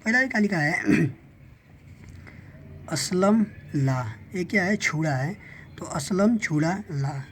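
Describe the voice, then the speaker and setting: A woman's voice: on the low side, lively intonation, slight background noise. A woman teaching a beginners' reading lesson, patiently sounding out each letter and word step by step. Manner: patient, sounds out letters slowly, repeats "theek hai".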